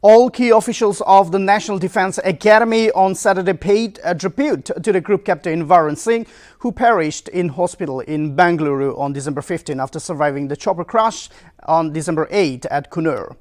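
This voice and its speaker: High-pitched male newsreader. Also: a little fast, a little mellow. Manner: formal. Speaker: news anchor. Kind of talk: scripted news reading.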